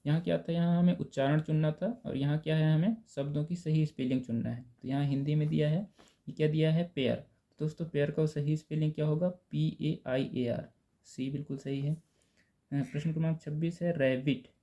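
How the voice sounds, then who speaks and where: Male teacher, exam answer walkthrough, spells words letter by letter, addresses viewers as friends, fairly high voice, dull lo-fi recording. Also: steady tone, fairly quick, mellow. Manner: speaks directly to the viewers as "friends". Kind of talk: casual Hindi lesson explaining answers.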